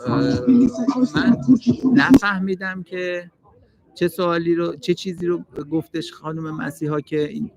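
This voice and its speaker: A man's voice: a little high, gravelly, low-quality recording. A man hosting a casual live stream, joking with viewers and translating a passer-by's answers. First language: Persian. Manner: switches between chatty, joking talk and slow, halting questions in a second language.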